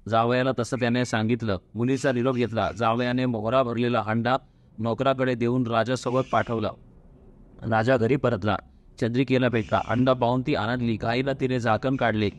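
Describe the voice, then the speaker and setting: A man narrating a devotional folk tale in a steady, measured storytelling voice. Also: medium pitch, muffled recording.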